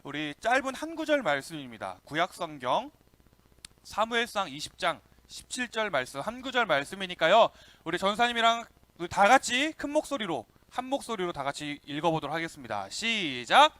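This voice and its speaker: A young man, a youth pastor, giving a lively children's sermon, calling out to the kids and asking them questions. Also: high voice, fairly quick, no echo.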